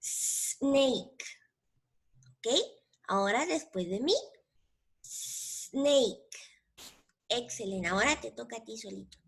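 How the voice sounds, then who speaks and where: A woman's voice: fairly high pitch, animated, brisk, gravelly, pushed and bright, husky. A woman teacher with a Mexican Spanish accent, giving a patient bilingual English lesson to young children and repeating each word in both languages.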